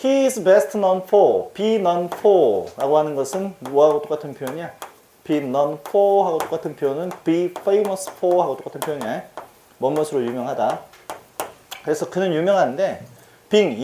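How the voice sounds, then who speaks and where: A man's voice: on the high side, warm tone, echoey room. A man teaching English vocabulary in a casual exam-prep lecture. He talks in a chatty, slangy way and keeps asking his students questions.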